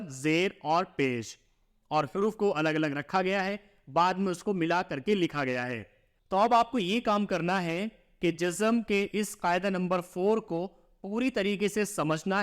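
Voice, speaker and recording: High-voiced man teaching slow recitation. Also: clear, resonant tone. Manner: spells each letter and vowel mark slowly, then joins them; quick plain explanations between drills. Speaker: Quran reading teacher. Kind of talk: slow spelled-out recitation lesson.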